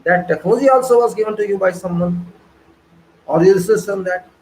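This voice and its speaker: Emphatic, preachy high-voiced male lecturer. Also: fairly quick, darkish tone, reverberant, slight background noise, rough recording. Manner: emphatic, preachy, full of rhetorical questions and repetition. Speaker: engineering lecturer. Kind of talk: online lecture.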